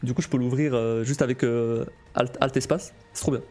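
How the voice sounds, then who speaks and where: Casual and halting, a live-streaming man keeps restarting his sentences and laughing often. His voice is mellow and dark, medium in pitch with fairly even intonation, over faint soft music.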